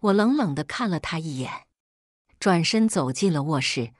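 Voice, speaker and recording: A woman tells a first-person family drama in an expressive, dramatic read. Her voice sits fairly low but moves through a wide, lively range. It sounds dry and close to the mic. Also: normal speed, dry recording. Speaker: storyteller. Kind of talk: first-person story narration.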